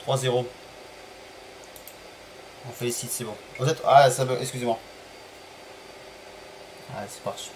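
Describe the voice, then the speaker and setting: A man streaming a football management game live, chatting to viewers, apologizing for stream bugs and calling plays with bursts of excitement. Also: medium pitch, a little slow, pauses often, a little hiss or hum, rough recording. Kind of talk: live gameplay commentary.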